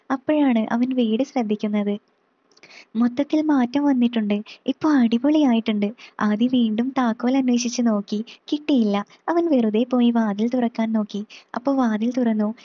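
Woman, storyteller, steady reading, slightly muffled dry sound. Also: on the high side, normal speed, no echo.

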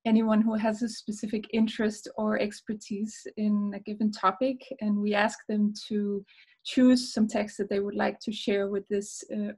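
Even-toned woman from Denmark. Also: mid-range voice, rough recording. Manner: friendly, measured, with frequent ums and self-corrections. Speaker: artist and reading group host. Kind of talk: welcoming introduction on a video call. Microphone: laptop mic on a video call.

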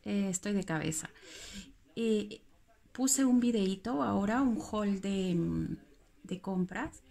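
A woman's voice: medium pitch, animated, takes it slowly, creaky, dark tone. Rambling woman vlogging. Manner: rambling, self-correcting, laughs at herself. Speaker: craft vlogger. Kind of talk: casual vlog chat.

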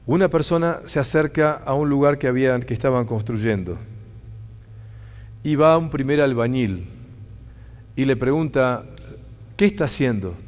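A man's voice: mid-range voice, moderate pace, pauses often. A man with a Rioplatense Spanish accent giving an inspirational talk to an audience, earnest and emphatic, repeating key phrases. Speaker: motivational speaker. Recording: dull sound, long hall reverb.

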